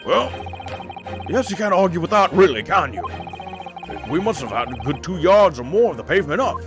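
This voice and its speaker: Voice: medium pitch, expressive, brisk, voice pushed up, lightly acted. A game player voicing a plain-spoken, working-class Victorian road labourer who talks in a chatty, folksy way. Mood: earnest, chatty. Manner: colloquial, folksy, tags like "see?" and "like". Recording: game music behind the voice.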